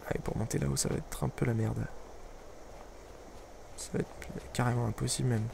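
Guy playing a game and muttering dry little jokes, kinda gravelly voice, noisy recording. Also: mid-range voice, steady tone, normal speed. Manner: wry, muttering asides to himself. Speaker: let's play gamer. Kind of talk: casual gameplay commentary.

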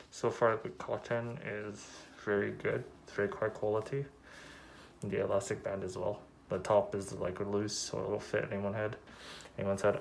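A man's voice: fairly low pitch, vocal fry, slight background noise. Man talking through a cloth mask. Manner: rambling, lots of fillers. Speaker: vlogger reviewing a product. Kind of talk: casual unboxing review.

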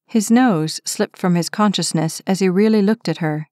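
A woman narrating a romance audiobook in a steady, measured reading on a close mic. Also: medium pitch, dry recording. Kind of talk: scripted narration.

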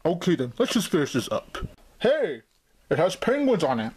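A man's voice: on the high side, wildly swooping pitch, normal speed, a little mellow, slightly rough, heavily acted. A man voicing a crude, sweary Santa toy, bantering casually in an amateur comic skit.

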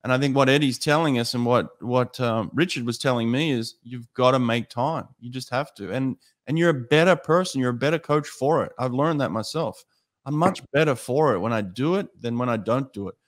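A man's voice: mid-range voice, a little fast, no echo. Dry, close-miked male podcast host. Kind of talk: casual reflective conversation. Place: small home studio indoors. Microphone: close boom-arm podcast microphone, headphones.

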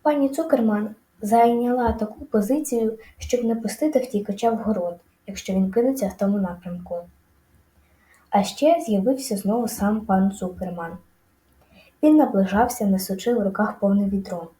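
A woman reading a children's story aloud in a lively, expressive way. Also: mid-range voice, normal speed, echoey room, rough recording. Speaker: audiobook reader. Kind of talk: storybook narration.

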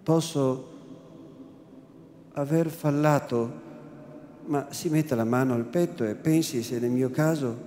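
A man's voice: slow, long pauses, dark tone, a little hiss or hum, natural voice. A male reader voicing an insistent young peasant groom who presses a priest for an answer, heard in a large cathedral. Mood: softened. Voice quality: low, insistent. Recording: echoey cathedral, faint ambience.

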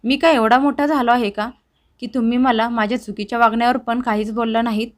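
A man's voice: very high-pitched, level tone, brisk. A woman narrator voicing a remorseful grown son who talks earnestly and tearfully to his family. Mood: pleading.

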